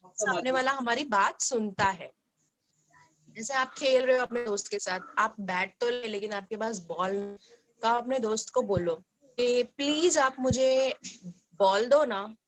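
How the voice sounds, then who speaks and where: A woman teacher giving an online lesson to young children, explaining gently and asking them questions. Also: fairly high pitch, a little hiss or hum, rough recording. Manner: acts out short dialogue lines.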